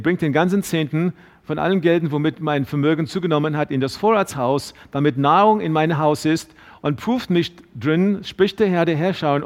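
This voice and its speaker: A man preaching a sermon about giving, talking in a halting way with many fillers and restarts. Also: fairly high pitch. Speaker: pastor. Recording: long hall reverb.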